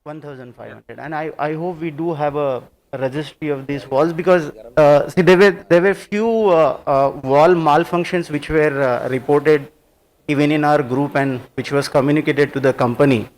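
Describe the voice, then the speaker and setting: A man's voice: on the high side, steady tone, normal speed, a little mellow, rough recording. A man, a doctor asking questions from the floor of a conference, hesitant and searching for words.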